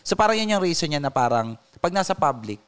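A man with a Filipino accent co-hosting a live podcast, playful and animated. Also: fairly high pitch, quick pace, clean tone. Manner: playful, animated, lots of laughter and shoutouts. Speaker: podcast co-host. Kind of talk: casual live podcast chat.

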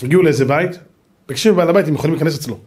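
A man, a rabbi giving a lively sermon and acting out the people in his stories, at times shouting. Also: fairly high pitch. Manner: animated, shouts and acts out voices in the stories.

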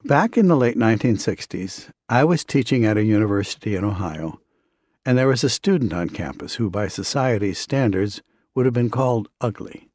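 A man preaches with an earnest, conversational pull, weaving stories into his sermon. His voice sits on the low side with a husky grain, recorded close and dry. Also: animated, normal speed, a little mellow, no echo. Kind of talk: sermon with storytelling.

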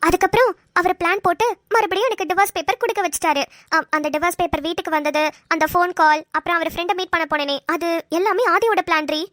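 A woman's voice: very high voice, quick pace, dry recording. A woman voicing a chatty young wife who teases and tells stories, close and dry. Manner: chatty, teasing, animated storytelling.

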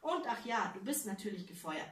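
A woman's voice: medium pitch, sing-song, fairly quick, close to an everyday voice. A woman reading as a cocky, cursing young man. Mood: scornful. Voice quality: crude, blunt. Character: brash young male lover, cocky, cursing. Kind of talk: live reading aloud. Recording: roomy, distant mic, faint noise.

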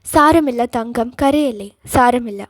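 A woman voicing a gentle young elder sister with a soft, soothing way of speaking in a storybook reading. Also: fairly high pitch, a little slow, dry recording, natural voice.

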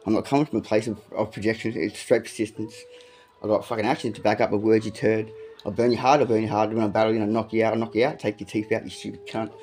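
Talking fast with a lowish, slightly mellow voice and little pitch movement, a man freestyles aggressive, profane rap, looping lines back. He's an adult amateur with a son and claims a big voice.

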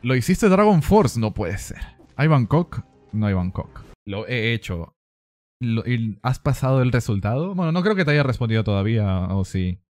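A man streaming a game in casual chat, excitable, laughing often and repeating phrases. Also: mid-range voice, moderate pace, no echo, soft background music.

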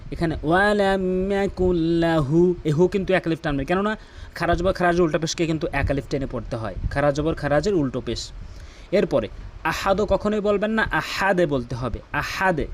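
A man teaching Quran pronunciation in a patient way, repeating words slowly so the viewer can copy them. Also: a little high, a little hiss or hum. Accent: Bangladeshi Bengali.

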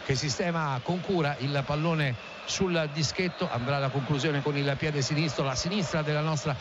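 A man's voice: on the high side, steady tone, normal speed, dull audio. A man giving live radio football commentary in an emphatic, dramatic, ornate way. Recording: loud stadium crowd noise behind voice. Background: stadium ambience.

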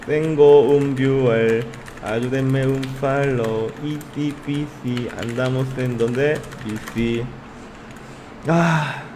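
Slow-talking man streaming a game. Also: slight background noise. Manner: excitable, bursts into high yelps and laughs. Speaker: gaming streamer. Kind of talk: casual live-stream commentary.

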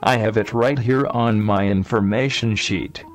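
A man performing a rude male robot telemarketer through a text-to-speech voice, with a flat, mocking sales pitch. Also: unhurried. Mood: smug. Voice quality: synthetic computer voice.

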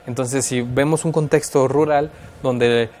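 A man's voice: mid-range voice, fairly even intonation, a little slow, a little mellow, slight background noise. A man with a Mexican Spanish accent, talking as an expert guest on a radio show and explaining child development in a thoughtful way, with fillers and restarts.

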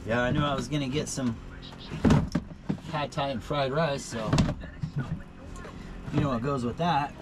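A man's voice: mid-range voice, a little slow, long pauses, heavy background noise. A middle-aged man vlogging casually inside a small truck camper at night, chatty and laid-back, with frequent fillers and easy laughs. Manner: relaxed, chatty, laughs often, many fillers. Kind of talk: casual vlog talk to camera.

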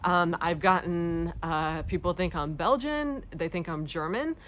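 A thirtysomething American vlogger sits outdoors in a leafy garden, chatting informally and self-deprecatingly while answering viewer questions. Her voice is on the low side, a bit bright and a little slow. Garden ambience and outdoor background noise come through clearly.

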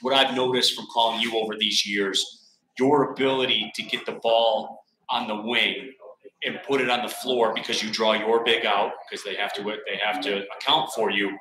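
Young male sports radio host, bright, energetic delivery, roomy bar sound. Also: lowish voice. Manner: energetic, upbeat, fast bursts. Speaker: radio play-by-play announcer hosting. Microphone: table mic.

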